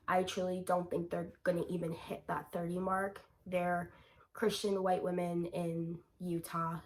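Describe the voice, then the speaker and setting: A woman hosting her own commentary vlog, blunt and opinionated with casual swearing, sounding sick and short of breath from breathing through her mouth. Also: lowish voice. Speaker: channel host.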